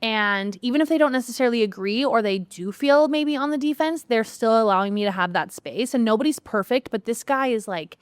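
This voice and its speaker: A woman co-hosting a podcast, chatting casually and giving opinionated, animated takes. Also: a little high, brisk, few pauses, smooth, no echo. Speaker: podcast co-host. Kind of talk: casual chat.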